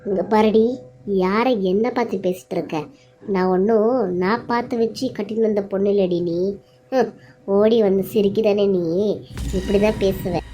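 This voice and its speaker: A woman's voice: fairly even intonation, moderate pace, pauses often, warm tone, faint music behind, lightly acted. A woman voicing a scheming, cruel middle-aged mother-in-law in a cartoon serial, scolding and wailing dramatically. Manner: scolding, dramatic wailing, low plotting asides.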